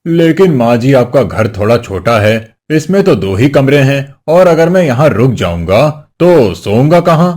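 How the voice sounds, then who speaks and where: A man's voice: mid-range voice, sing-song, a little slow, few pauses, darkish tone. A man voicing a polite young brother visiting as a guest in a storybook tale, speaking in a hesitant way.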